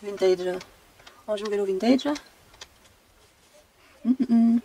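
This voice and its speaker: A woman's voice: medium pitch, fairly even intonation, takes it slowly, mellow, slight background noise. A woman making a handmade card who thinks aloud as she works, often repeating her own phrases in a sing-song way. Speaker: crafting video maker. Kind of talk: casual talk while crafting.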